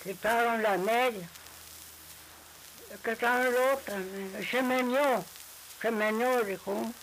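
A man telling a folk tale aloud, rambling and halting, repeating his phrases. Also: very high-pitched, fairly bright tone, slight background noise, poor audio. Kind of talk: oral folk tale storytelling.

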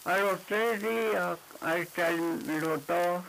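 A man tells a folk tale slowly in a high, gravelly voice. He circles back over each line, tagging quotes with "le dijo". A faint hiss sits under the recording. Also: a bit bright, poor audio. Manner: repetitive, unhurried, with constant "le dijo" tags. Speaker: storyteller. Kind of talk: oral folk tale telling.

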